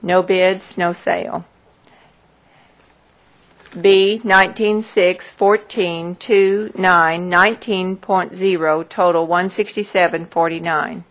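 Woman auctioneer, lowish pitch, unhurried formal read-out of figures, methodical and repetitive. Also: steady tone, fairly bright tone. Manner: measured, methodical, repetitive, number by number. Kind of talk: formal auction calling, reading out parcel numbers.

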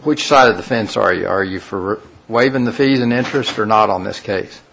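A man's voice: on the low side, a little fast, gravelly, a bit bright, slight background noise. A man chairing a public commission meeting, pressing others for direct answers.

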